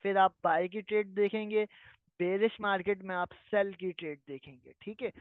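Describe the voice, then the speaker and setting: A man whose voice sits high patiently walks viewers through trading in a live online lesson, answering their questions. He frequently checks that they're keeping up. The audio has a tinny, phone-like quality with no echo.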